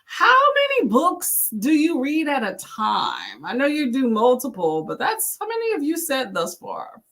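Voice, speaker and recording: Woman, livestream host, casual and encouraging, quite animated. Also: high voice, a little slow. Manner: chatty, encouraging, exclaims often. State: clearing her throat. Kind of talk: casual live chat reading lines from chat.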